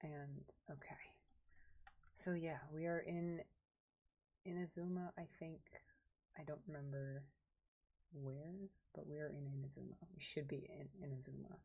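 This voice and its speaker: The streamer talks in a low, mellow, slightly rough voice that is a bit creaky and barely moves in pitch. Playing a game live, she chats casually and slowly, leaving long pauses as she rambles to viewers and herself.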